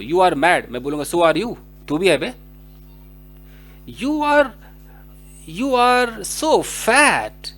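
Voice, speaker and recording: A man's voice: high-pitched, a bit bright. A man teaching English in a casual explanatory lesson, speaking to viewers directly and acting out example dialogues. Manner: chatty, addresses viewers directly.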